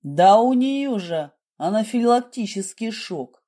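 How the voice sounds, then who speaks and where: A woman reading an audiobook, voicing a female anesthesiologist who speaks slowly and strained. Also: fairly high pitch, dark tone, natural voice. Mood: tense. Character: female anesthesiologist, tense and helpless.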